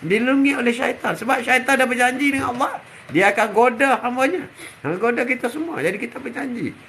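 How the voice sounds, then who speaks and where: A man's voice: very high-pitched, animated, sharp tone, slight background noise. An older man giving a short religious sermon. He repeats himself often, keeps saying "ha" between phrases and stretches out his Arabic recitations. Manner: repetitive, punctuated with "ha", drawn-out Arabic recitations. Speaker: religious teacher.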